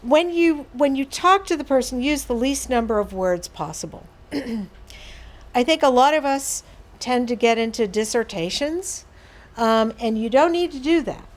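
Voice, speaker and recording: A woman's voice: sits high, expressive, a little slow. A woman presenting a workshop to an audience, explaining patiently with everyday examples and asides. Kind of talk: educational talk on behaviour management.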